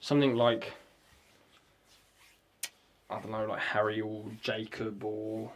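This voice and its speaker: A slow, flat delivery and fairly low pitch mark this vlogger as he talks casually while writing a script. He rambles, swears frequently, and searches aloud for the right word.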